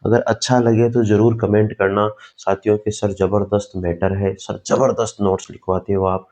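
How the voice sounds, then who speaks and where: Low-voiced man slowly dictating grammar notes. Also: darkish tone. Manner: slow dictation, repeating key words; asks the class questions and answers them himself. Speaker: Hindi grammar teacher.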